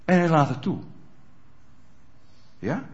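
A man's voice: fairly high pitch, sing-song, slow, a little mellow. A man preaching a sermon in a conversational way, often checking whether listeners are following, in a dull lo-fi recording. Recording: dull lo-fi sound.

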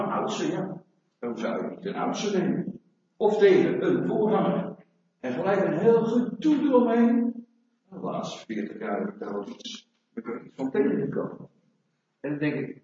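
A middle-aged man with a high voice preaches a lively sermon, throwing rhetorical questions at his congregation. The microphone sits far away in the church hall, so the sound is echoey and dull.

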